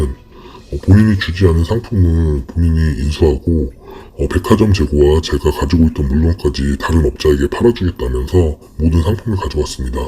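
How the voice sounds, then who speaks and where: An anonymous interviewee whose voice is disguised with a deep pitch-shift effect, reading a formal, measured account with frequent hesitant fillers. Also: mellow, husky. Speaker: anonymous fraud victim interviewee.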